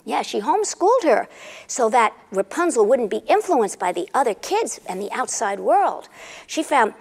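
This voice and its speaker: A woman telling a comic fairy tale to a live audience, playful and animated, stopping to quiz her listeners. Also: a little high, normal speed, gravelly. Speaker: storyteller. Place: rehearsal and recording studio with a live audience.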